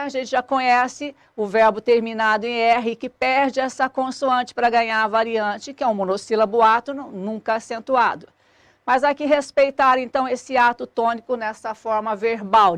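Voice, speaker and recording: High-voiced woman teaching. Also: no room sound. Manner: clear, methodical explaining. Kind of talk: grammar lesson.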